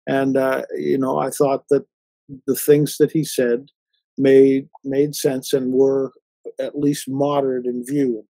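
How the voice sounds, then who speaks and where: A man hosting a conversational interview, talking haltingly with many fillers and restarts. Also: mid-range voice, flat delivery, vocal fry, warm tone, no echo, low-quality recording. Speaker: interview host.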